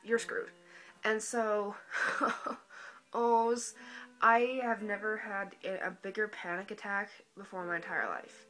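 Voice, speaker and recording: A woman's voice: medium pitch, fairly even intonation, unhurried, fairly bright tone. A teenage girl in her late teens telling a story to camera in a casual, dramatic, self-mocking way, acting out her own panicked quotes. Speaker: high school student vlogger.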